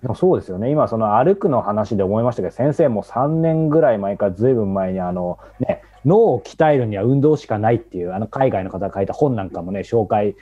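A man's voice: on the low side, expressive, fast, hardly any pauses, dark tone, husky. A man hosting an interview over a video call, eager and encouraging. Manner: eager, encouraging, many backchannels. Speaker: interviewer host. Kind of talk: conversational interview. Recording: dull lo-fi video call audio.

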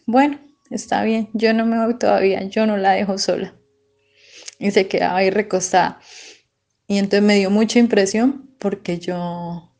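A woman co-hosting a podcast, telling a personal paranormal story in an earnest, halting way with many restarts. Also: medium pitch, dark tone. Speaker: podcast co-host.

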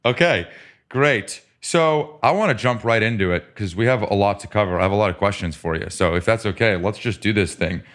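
A low-pitched man hosting a casual podcast interview. He talks in an upbeat, joking way and reads through his guest's career at a brisk clip. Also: fairly bright tone. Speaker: podcast host.

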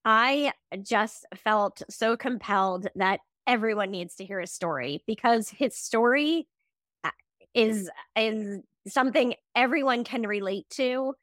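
A woman's voice: a little high, a little slow, fairly bright tone, dry recording, clean studio sound. A woman hosting a podcast, introducing her guest with enthusiasm. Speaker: podcast host.

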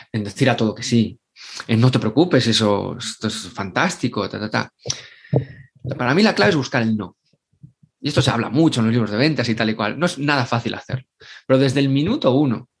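A man's voice: mid-range voice, breathy edge. A man, a guest in a podcast interview, explaining sales with emphatic, acted-out asides. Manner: emphatic, acts out clients and doctors in quick asides. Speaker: guest, sales and LinkedIn growth expert. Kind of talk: animated podcast interview answer.

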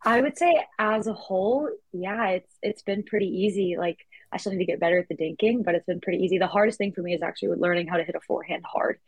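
A woman's voice: lowish voice, quick pace, hardly any pauses, breathy edge, no echo, poor audio. A woman in her twenties, a guest in a casual interview, talking chattily with frequent restarts and fillers. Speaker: guest athlete.

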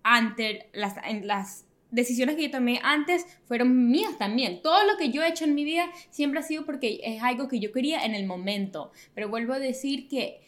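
A woman's voice: a little high, animated, normal speed, hardly any pauses, fairly bright tone. A young woman guest on a podcast who speaks in an earnest, reflective way and tells stories with enthusiasm. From United States. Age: young adult. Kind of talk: casual podcast chat.

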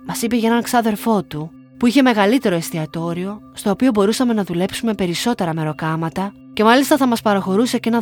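A young woman from Greece reading her own story aloud in a calm, measured way. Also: mid-range voice. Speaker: narrator. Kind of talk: scripted first-person narration. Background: faint music.

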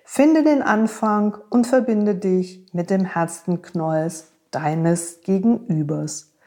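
A woman voicing a wise, gentle horse who speaks tenderly and reassuringly to a young friend. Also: mid-range voice, takes it slowly.

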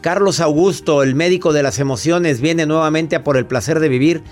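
A man's voice: on the high side, fairly quick, faint music behind. A man hosting a radio show, giving emphatic, fatherly advice to a caller and interviewing a guest. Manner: warm fatherly advice, emphatic, rhetorical questions.

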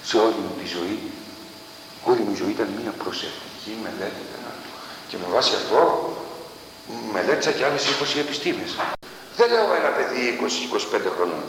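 A man giving a slow, emphatic classroom lecture, heard on a noisy archival recording from a lecture hall. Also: fairly low pitch, animated. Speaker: university professor lecturing.

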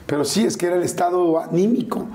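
A man's voice: high voice, fast, mellow. A man with a Mexican accent interviewing a guest, chatty and full of slang. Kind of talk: casual interview.

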